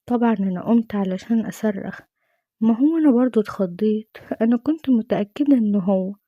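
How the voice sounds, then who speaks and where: A woman's voice: medium pitch, fast talker, no echo, highs cut off. A woman with an Egyptian accent telling a dramatic first-person story in an earnest, emotional way.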